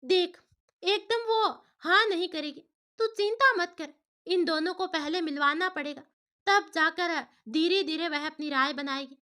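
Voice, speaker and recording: A woman's voice: very high voice, a little slow, sharp tone, heavily acted. Woman voicing a caring elder sister in a storybook, earnest and persuasive. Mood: reassuring.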